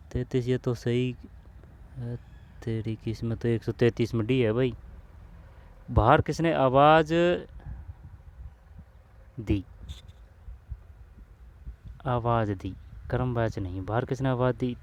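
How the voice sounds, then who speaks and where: A man's voice: mid-range voice, a little slow, pauses often. Man muttering through exam questions aloud. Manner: thinks aloud, repeats phrases, mutters to himself; addresses viewers as bhai, asks if they understood. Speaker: exam coach. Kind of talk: casual Hindi grammar lesson solving old exam questions.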